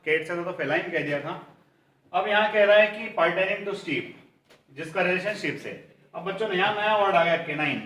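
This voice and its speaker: A man's voice: high-pitched, bright, forceful tone, far from the mic. Echoey Indian man teaching vocabulary. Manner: addresses students as children, drills answers by repeating questions; reads English definitions slowly and deliberately. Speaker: English vocabulary teacher for exam prep. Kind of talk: online coaching lesson. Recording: roomy echo, voice somewhat off-mic.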